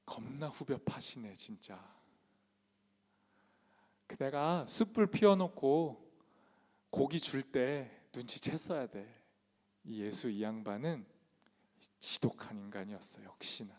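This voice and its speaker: A man's voice: a little high, sing-song, moderate pace. A man preaching acts out the inner grumbling of a resentful fisherman disciple, sulky and then exasperated, in a long church hall reverb. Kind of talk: acted quote in a sermon.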